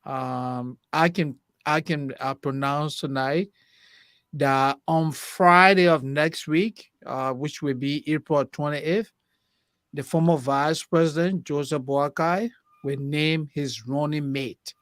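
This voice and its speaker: A man on a talk show panel, speaking slowly and deliberately with many fillers. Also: on the high side, steady tone, a bit bright, no room sound, studio quality. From Liberia. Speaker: co-host panelist.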